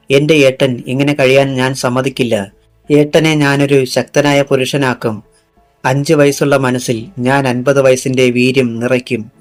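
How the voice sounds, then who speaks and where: A man's voice: medium pitch, close to an everyday voice. Fierce young policewoman voiced by a male narrator. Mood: vengeful. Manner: intense vowing speech.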